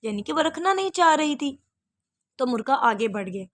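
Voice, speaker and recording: A woman's voice: sits high, very animated, normal speed, no room sound. A woman teacher reading a story and then explaining a lesson to children, patiently repeating difficult words. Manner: addresses pupils as "beta".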